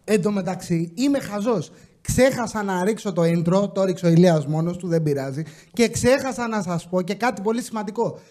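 Chatty high-voiced podcast host man. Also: warm tone. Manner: chatty, joking, reads listener stories aloud. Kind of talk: casual storytelling podcast.

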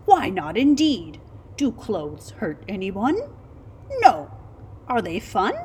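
A woman's voice: mid-range voice, very animated, slow, darkish tone, slight background noise. A woman voicing a wise, regal old male naked mole rat making a grand proclamation in a storybook reading.

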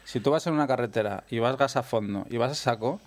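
Podcast host, male, mid-pitched, easygoing conversational lead. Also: quick pace. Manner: conversational, leads the segments. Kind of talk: casual chat.

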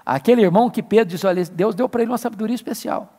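A male pastor preaching a Bible-study sermon with animated, emphatic bursts. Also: sits high, rapid-fire, slightly rough, big-room sound. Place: church sanctuary.

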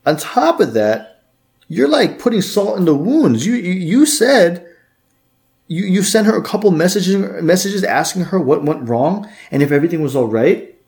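A man's voice: sits high, big pitch swings, normal speed, vocal fry, a little mellow. A man hosting a dating podcast, giving blunt, harsh advice in a scolding monologue full of stammered repeats. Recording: echoey room.

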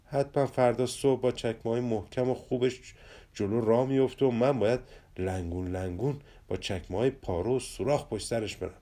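A man's voice: medium pitch, mellow, natural voice. A man doing Ahmad Bek, a grumbling traveler. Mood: complaining. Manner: complaining, self-pitying.

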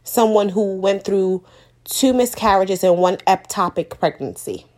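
A woman's voice: medium pitch, measured pace, darkish tone. A woman in her thirties earnestly tells a personal story to her viewers, repeating key phrases for emphasis. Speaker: mother sharing her story. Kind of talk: personal testimony to camera.

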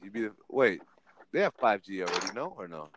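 A man's voice: on the low side, very animated, a little fast, heavy background noise. A man in his forties hosting a casual podcast chat, laid-back and teasing, laughing often. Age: 40s.

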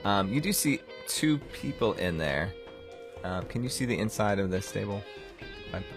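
A man narrating as game master of a tabletop game, relaxed and rambling with lots of fillers. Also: lowish voice, moderate pace, music in the background.

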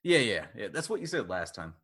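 A man's voice: fairly low pitch, very animated, a little fast, fairly bright tone. A man playing a radio word game, competitive, a sore loser who swears a lot. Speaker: radio show co-host, game player. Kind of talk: casual joking banter.

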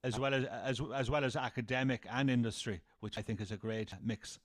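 A man's voice: mid-range voice, fairly even intonation, brisk, no echo, clean studio sound. A middle-aged man with an Irish accent, hosting a podcast in a conversational style. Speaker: podcast host, sales trainer.

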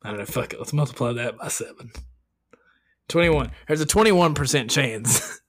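A man's voice: mid-range voice, animated, moderate pace. Slangy, swearing man co-hosting a podcast. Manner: slangy, jokey, swears freely. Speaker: podcast co-host. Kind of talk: casual, profane banter.

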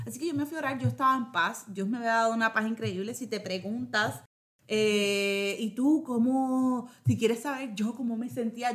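A woman telling a heartfelt, devout story as a podcast guest, lively and emotional. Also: a little high. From Puerto Rico. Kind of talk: casual heartfelt testimony.

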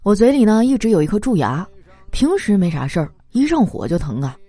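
A woman telling comic stories in a lively, animated way, laughing through her punchlines. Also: medium pitch, fairly quick, husky, no room sound. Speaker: comedy monologue performer. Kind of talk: stand-up style comic storytelling.

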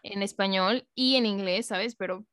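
A woman's voice: mid-range voice, moderate pace, a bit bright, clean tone, no room sound, studio quality. A woman from Mexico with a Mexican Spanish accent, explaining things in casual chat with plenty of filler phrases.

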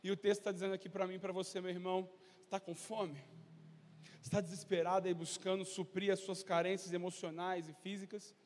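A man preaches with fervent conviction, pressing the congregation with question after question. His voice sits high, and the sound carries a long reverb from a church hall. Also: level tone, a little fast, darkish tone. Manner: impassioned, rhetorical questions, acts out crowd voices. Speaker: pastor. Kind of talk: sermon.

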